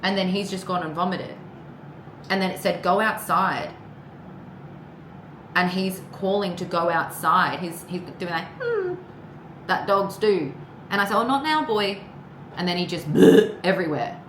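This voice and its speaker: A woman's voice: lowish voice, normal speed, pauses often, fairly bright tone. A woman giving a casual, rambling tarot reading with personal asides and the odd swear word. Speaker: tarot card reader. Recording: echoey room with clear background noise.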